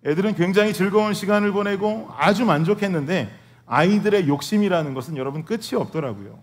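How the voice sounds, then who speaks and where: A man's voice: sits high, lively intonation, fast talker. A male pastor preaching a sermon, telling a humorous family story and speaking directly to his congregation. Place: church sanctuary.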